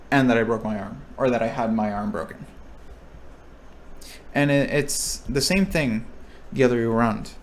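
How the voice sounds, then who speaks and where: With a mid-range voice, a young male recitation instructor talks through a probability lecture topic, reasoning aloud, starting over at times, and asking whether listeners are following. There's a bit of background noise.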